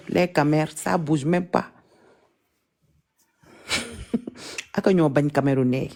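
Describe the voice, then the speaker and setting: A woman from Senegal with a Senegalese French accent, hosting a casual live chat in a teasing, mocking way with lots of drawn-out repetition. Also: deep voice, dark tone. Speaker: live stream host.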